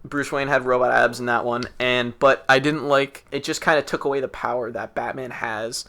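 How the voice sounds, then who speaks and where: A male podcast co-host chats casually and enthusiastically, using plenty of fillers. His voice is medium-pitched, bright, and forceful, with fairly even intonation at a normal speed.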